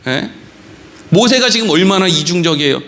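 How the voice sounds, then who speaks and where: A man's voice: sits high, animated, moderate pace, a bit bright. A man, a pastor, giving a blunt and sarcastic sermon.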